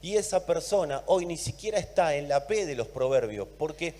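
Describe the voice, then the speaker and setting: An Argentine man preaches with a notably high voice, pressing his points hard. He swings from loud declarations to quiet asides and repeats key words to drive them home. His sermon rings out with a long reverb from the church hall. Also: expressive, normal speed. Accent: Argentine Spanish. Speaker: pastor.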